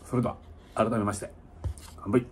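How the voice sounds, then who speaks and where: A fairly low, steady voice, fairly quick, belongs to a middle-aged Kansai-accented motorcycle touring vlogger who's had an hour of drinking and is slightly tipsy. He rambles to viewers in a casual streamer manner, chuckling and wandering into asides, from a small lodging room where background room noise is noticeable.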